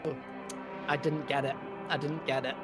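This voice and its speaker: A young man playing a co-op game with a friend, answering briefly in a relaxed way. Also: fairly high pitch, normal speed. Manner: laid-back, brief replies ending in "over". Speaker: co-op gaming partner. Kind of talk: casual chat while gaming. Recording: loud game music behind.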